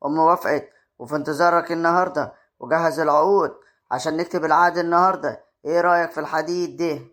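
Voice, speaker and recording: A man with an Egyptian accent acting in a comic drama, talking briskly and doubtfully. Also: fairly high pitch, fairly even intonation, fairly bright tone. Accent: Egyptian Arabic. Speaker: lead character and creator of the web series.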